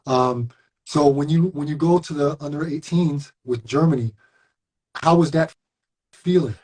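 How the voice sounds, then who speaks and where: A man hosting a podcast and interviewing a guest in a relaxed, encouraging way. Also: on the high side, unhurried, poor audio. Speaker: podcast host. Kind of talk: casual interview.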